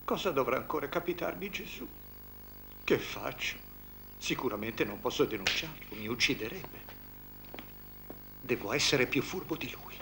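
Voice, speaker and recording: An actor dubbing a timid, jittery country priest into Italian, fretting aloud and exclaiming to himself. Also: male voice, medium pitch, animated, normal speed, vocal fry, pauses often, background noise. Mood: fretful. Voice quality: fretful, whining exclamations. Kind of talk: Italian film dub.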